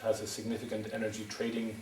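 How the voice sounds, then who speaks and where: A wind energy developer, middle-aged and Irish with a County Wexford accent, rushes through a hesitant town meeting presentation riddled with ums and restarts. His lowish voice is completely flat. The recording is very noisy, taken from far off in an echoey hall.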